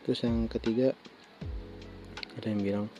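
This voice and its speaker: A man in his twenties with a Jakarta accent and a lisp hosts a casual solo podcast, telling personal stories in an informal, halting way with indistinct articulation. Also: fairly low pitch, fairly even intonation. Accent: Jakarta Indonesian. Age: 20s. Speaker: podcast host. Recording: dull lo-fi sound, faint music behind.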